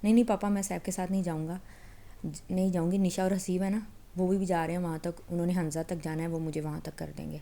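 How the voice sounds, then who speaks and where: Lady voicing an eager young climber girl, earnest, mellow lowish voice. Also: steady tone, lightly acted.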